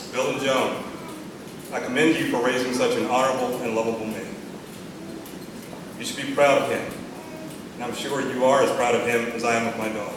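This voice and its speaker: A middle-aged American man from Texas gives a father of the bride speech at a wedding, sentimental and gently humorous in a measured delivery. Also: medium pitch, recorded from a distance. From Texas, United States. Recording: echoey room from afar, noisy.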